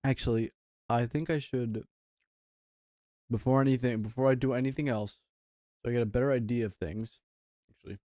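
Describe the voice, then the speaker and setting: A man's voice: mid-range voice, fairly even intonation, brisk, pauses often, dark tone, no echo, clean studio sound. A man livestreaming while coding, thinking aloud in a mumbling, trailing-off way. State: talking with his mouth full.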